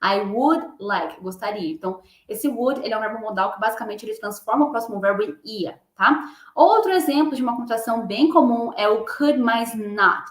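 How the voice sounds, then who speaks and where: A woman teaching English pronunciation in a casual online lesson, chatting and slowly repeating example words. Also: a little high, reverberant.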